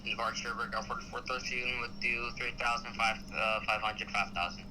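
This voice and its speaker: A man's voice: mid-range voice, flat delivery, background noise. A man making pilot radio calls over a headset in an online flight simulator session, stumbling and correcting himself as he reads back numbers. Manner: rushed, stumbling radio phrasing with self-corrections.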